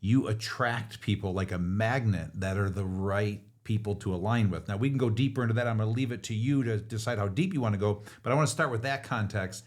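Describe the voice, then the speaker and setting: A middle-aged man with a fairly low voice, talking through business concepts on a podcast. He explains in a relaxed, teacherly way. His speech is conversational. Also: fairly quick, few pauses. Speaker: business author and podcast co-host. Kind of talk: casual podcast talk.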